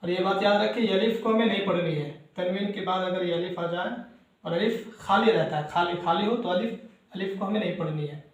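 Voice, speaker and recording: A man's voice: high voice, a little fast, heavy reverb. A man teaching Quran reading, patiently explaining and repeating syllables one by one for learners. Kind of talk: slow step-by-step recitation lesson.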